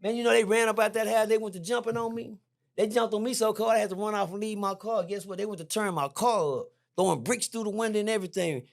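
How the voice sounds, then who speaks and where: A middle-aged man, a podcast guest, telling a story in a lively, slangy way, repeating himself and jumping high when excited. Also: quick pace, creaky. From Texas. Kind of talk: animated storytelling. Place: podcast studio.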